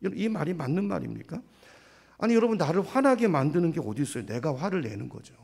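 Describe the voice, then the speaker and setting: High, lively Korean pastor preaching. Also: male voice, fast talker, gravelly. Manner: animated preaching, rhetorical questions to the congregation; acts out quoted voices of others. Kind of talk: sermon.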